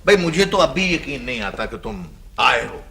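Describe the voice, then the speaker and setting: An actor playing a wry, teasing son of the house in a TV drama. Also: male voice, medium pitch, very animated, moderate pace, vocal fry, background noise. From Pakistan. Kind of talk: broadcast TV drama.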